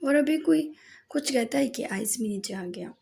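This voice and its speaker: A woman narrating a romance novel audiobook in a soft, sometimes breathy voice. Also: a little high, expressive, normal speed.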